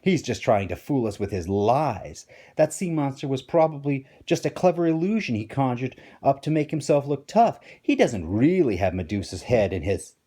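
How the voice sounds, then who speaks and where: A man's voice: medium pitch, very animated, normal speed, few pauses, dark tone, pitched above the performer's own voice. A man reading a storybook aloud, voicing a boastful, cowardly young male bully who sneers and dismisses. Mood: sneering.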